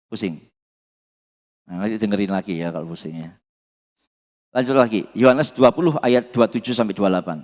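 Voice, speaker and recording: A man preaching a teaching sermon, firing rhetorical questions and dropping from loud to almost muttered. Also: medium pitch. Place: church hall. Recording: long hall reverb.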